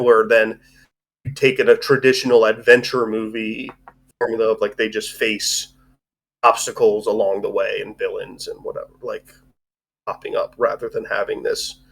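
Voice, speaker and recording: A man with a fairly low voice hosts a live-streamed film discussion, chatting casually and rambling through a review with some swearing. The recording quality is rough.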